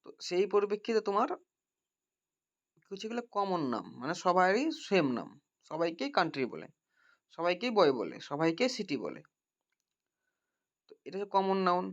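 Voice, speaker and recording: Man tutoring grammar with many checking questions, slightly high voice. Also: very animated, normal speed, long pauses. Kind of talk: grammar lesson. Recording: dull lo-fi recording.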